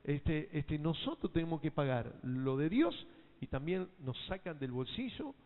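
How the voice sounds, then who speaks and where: A man's voice: on the high side, lively intonation, measured pace. A man with an Argentine accent preaching a sermon to his congregation, asking them questions and having them repeat lines back. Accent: Argentine Spanish. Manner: emphatic call-and-response preaching. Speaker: pastor. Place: church hall. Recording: tinny phone-like sound in a reverberant hall.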